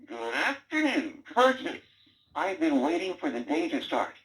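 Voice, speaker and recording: Sarcastic male robot-brain toy: wisecracking, bossy, with big pitch swings. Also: very animated, measured pace, a bit bright, low-quality recording. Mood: teasing. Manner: sarcastic, teasing, bossy quiz-style prompts. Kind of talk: toy voice lines.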